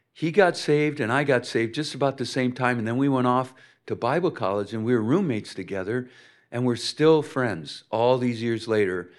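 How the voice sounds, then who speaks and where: An older man from Minnesota gives an informal teaching talk to ministry leaders. He wanders from one story to the next and fills his pauses with "um" and "you know.". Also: mid-range voice. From Minnesota, USA. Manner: rambling, anecdotal, frequent fillers. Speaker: ministry instructor.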